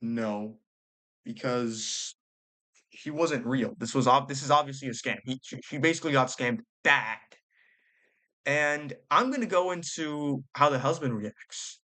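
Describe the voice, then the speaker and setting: A man's voice: medium pitch, a little slow, pushed and bright. A young man giving sarcastic, blunt commentary, using slang and stumbling over his words. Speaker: commentary vlogger. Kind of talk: reaction commentary.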